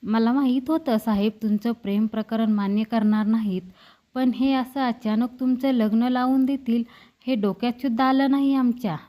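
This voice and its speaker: A woman's voice: fairly high pitch, steady tone, normal speed, dark tone, close to an everyday voice. A woman doing a motherly, soothing older housekeeper. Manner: soothing, affectionate.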